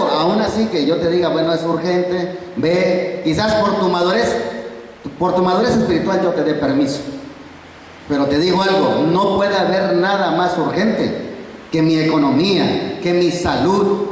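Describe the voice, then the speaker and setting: A man with a Mexican accent preaching a Sunday school sermon to a congregation, repeating phrases for emphasis and quizzing his listeners. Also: high voice. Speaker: pastor. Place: church hall. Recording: very echoey church hall from far off.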